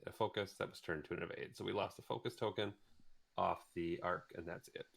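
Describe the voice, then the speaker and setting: A man with a very low, gravelly voice reads out dice results one by one. He keeps a relaxed, matter-of-fact commentary pace on a live game stream. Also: brisk. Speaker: co-host calling dice rolls.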